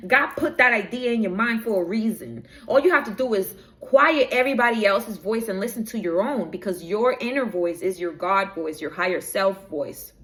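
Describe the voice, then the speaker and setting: A spiritual reader with a medium-pitched, fairly bright voice talks straight to her audience. Her inspirational reading is preachy and meandering, and she loses hold of her notes partway in.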